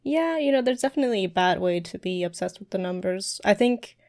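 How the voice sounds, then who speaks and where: A woman's voice: mid-range voice, lively intonation, fairly quick, a little mellow. Young woman chatting easily on a podcast. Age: young adult. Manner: easygoing, giggly. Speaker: streamer and dance teacher, podcast guest. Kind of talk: casual podcast chat.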